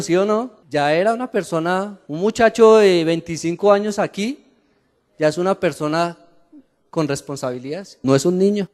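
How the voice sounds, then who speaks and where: In a church hall with long reverb, a Colombian pastor preaches to his congregation, telling humorous stories, laughing, and asking the crowd questions. He has a high voice and a Colombian Spanish accent.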